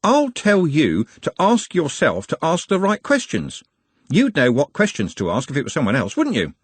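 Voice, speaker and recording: A man's voice: on the high side, wildly swooping pitch, normal speed, breathy edge, no echo, voice pushed up, heavily acted. A man voicing a cheerful, robust young man who talks eagerly and breezily.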